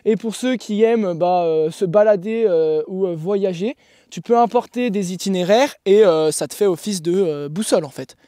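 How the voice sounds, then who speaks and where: High-voiced man, blunt coach chat. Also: moderate pace, mellow, no echo, clean studio sound. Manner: blunt, laughing explainer. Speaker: endurance coach. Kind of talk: casual podcast chat.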